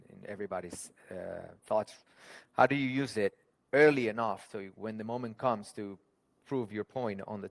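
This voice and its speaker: In this conversational podcast interview, a man from Argentina who works in HR talks sincerely about his career. He has a lowish, creaky voice, captured dry.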